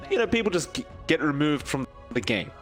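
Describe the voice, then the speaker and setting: A man's voice: fairly high pitch, sing-song, brisk, fairly bright tone, soft background music. A man hosting an esports broadcast, casually chatting and putting questions to his co-caster. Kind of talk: casual play-by-play banter.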